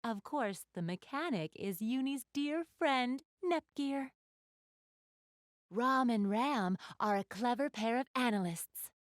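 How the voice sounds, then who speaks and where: This woman's portrayal of a refined young anime game goddess is enthusiastic and polite, her formal, genteel speech to the player carrying a keen gamer's polish. She speaks slowly and expressively on the high side, and the studio recording has no echo.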